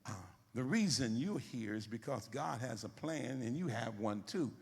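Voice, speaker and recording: A man preaching a sermon, animated and repetitive, calling out to the congregation to respond. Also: mid-range voice, moderate pace, gravelly, husky, long reverb tail.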